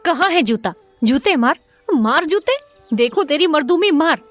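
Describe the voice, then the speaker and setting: A fiery village wife with a sharp tongue, voiced by a woman narrator. She shrieks high and loud in a scolding, insulting storybook voice, with faint music behind her. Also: lively intonation, normal speed. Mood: wailing defiant. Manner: shrill, scolding, hurling insults.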